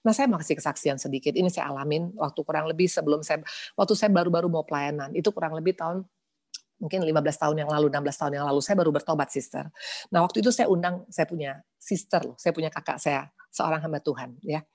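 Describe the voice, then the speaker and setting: A middle-aged woman delivers a sermon laced with her own testimony, speaking at a brisk, rushing clip in a fairly low voice. Her manner is emotional and pleading, and she keeps calling her listeners "sister" and slipping in English words. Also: a little mellow. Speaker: women's prayer-fast speaker.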